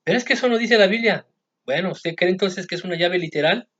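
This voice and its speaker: A man's voice: sits high, fast talker, a bit bright, highs cut off. A man preaching a sermon, conversational and constantly checking in with "¿sí?" and "¿verdad?". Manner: conversational, keeps asking ¿sí? and ¿verdad?.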